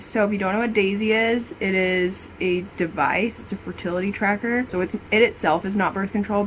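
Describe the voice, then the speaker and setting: A woman's voice: medium pitch, poor audio. A young adult woman chatting casually and informally to camera as a vlogger. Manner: informal, conversational. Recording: clear background noise.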